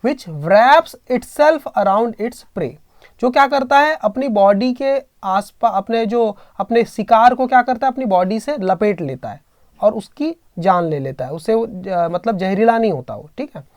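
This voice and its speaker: A woman's voice: on the high side, lively intonation, unhurried, darkish tone, no echo, studio quality. A woman teaching an English lesson, reading a phrase and then explaining it with questions, and calling her students "beta".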